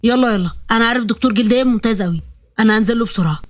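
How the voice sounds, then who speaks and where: A woman voicing a cocky, stubborn young man in his late twenties, with an Egyptian accent and a bantering, quick-tongued manner. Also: fairly high pitch, no echo, natural voice. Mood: teasing. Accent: Egyptian Arabic.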